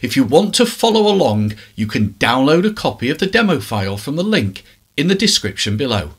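A man talking through a spreadsheet tutorial in a measured, step-by-step way. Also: mid-range voice, big pitch swings, background noise. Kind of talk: screen-recorded tutorial narration.

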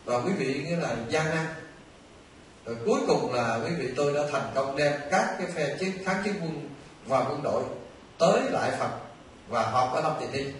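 An older Vietnamese man, a Buddhist monk, giving an animated storytelling dharma talk to a temple audience. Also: fairly high pitch, normal speed. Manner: animated, conversational, addresses listeners often. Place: temple hall. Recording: echoey distant hall recording with faint noise.

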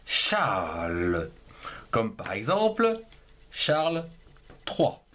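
A French-accented man teaching a handwriting lesson, spelling each word out one letter and syllable at a time. He speaks at an unhurried, deliberate pace, and his voice rises and dips animatedly around a middle pitch. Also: very animated, fairly bright tone.

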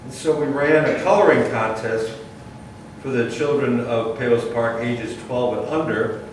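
A man's voice: mid-range voice, measured pace, slight background noise. Man giving a casual council report. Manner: casual, friendly report with many fillers. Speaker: village commissioner giving a police report. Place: village council chamber. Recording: echoey council chamber from far off.

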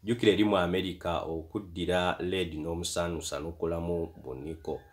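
A man's voice: sits low, steady tone, fairly quick. A man with a Ugandan accent retelling a book as storyteller, switching between reading and chatty asides. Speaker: storyteller and translator. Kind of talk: retelling a book in English and Luganda.

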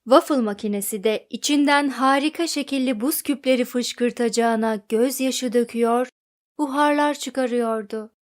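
A woman narrating a children's storybook in an expressive read-aloud manner. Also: a little high, normal speed.

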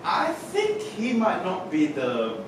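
Playing the young man Adam in a staged reading, the actor uses an exaggerated, high-pitched voice with wildly swooping pitch and a slow pace. Adam teases his mother wryly, then worries and shouts in alarm. The recording, from a far camera with no visible mic, is noisy and echoes around the hall.

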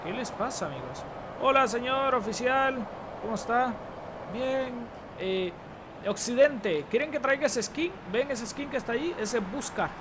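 A man's voice: very high-pitched, measured pace. A man with a Honduran accent commenting on a driving game as host of his channel, chatty and always calling out to his viewers as friends. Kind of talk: gameplay commentary. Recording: loud bus engine and traffic noise behind. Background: driving game bus engine and road sounds.

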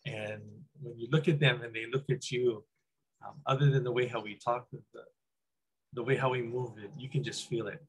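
A middle-aged man from Hawaii, appearing as a guest speaker, gives a casual, rambling talk over a webcam call from a small indoor room, full of ums and restarts. His medium-pitched voice is steady, moderately paced, and slightly rough, and the audio is poor.

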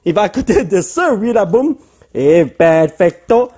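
Québécois male YouTuber, high and very animated, excitable casual commentary full of English slang. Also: unhurried, breathy edge. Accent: Québécois French. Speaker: YouTuber opening card packs.

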